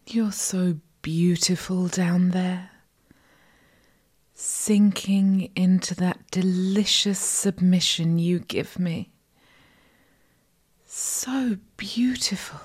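A woman whispers very slowly into a close microphone, her voice breathy and hushed. She coaxes and gives soft commands, like a dominant partner speaking straight to the listener. Her tone stays mellow and warm throughout. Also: fairly low pitch. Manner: slow, soft, coaxing and commanding. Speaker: audio roleplay performer. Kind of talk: whispered intimate audio roleplay addressed to the listener.

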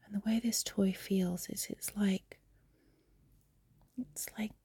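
Young woman whispering in bed, husky breathy, low mellow tone, close phone mic. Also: fairly even intonation, no room sound. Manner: soft breathy whisper, unhurried and confiding. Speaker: amateur audio creator. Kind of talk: whispered intimate audio diary. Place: in bed, lying on her side. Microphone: phone held close.

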